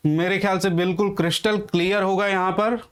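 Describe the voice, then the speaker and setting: High-voiced man teaching Hindi grammar. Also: fairly even intonation, a bit bright, smooth. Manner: asks questions and answers them himself; dictates slowly word by word while writing. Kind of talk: classroom-style grammar lesson.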